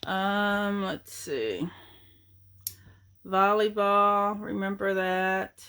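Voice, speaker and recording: A woman's voice: mid-range voice, extremely slow, sharp tone, clean tone. A middle-aged woman rambling nostalgically about her game collection in a casual chat, with lots of ums and uhs. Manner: rambling, nostalgic, many fillers.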